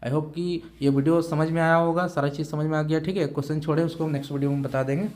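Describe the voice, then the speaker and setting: A man's voice: fairly high pitch, little pitch movement, fast, a little mellow. A man teaching a school math lesson, working through exam questions step by step and checking in with his students as he goes. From India. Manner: explains step by step with repeated check-ins.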